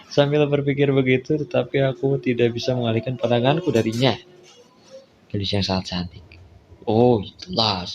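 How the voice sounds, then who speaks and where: A mid-range, slightly mellow voice belongs to a man with an Indonesian accent who makes gaming content. In a relaxed let's play, he reads out visual novel text and reacts with colloquial asides. The sound is dull and lo-fi, with a bit of hiss or hum and faint game music underneath.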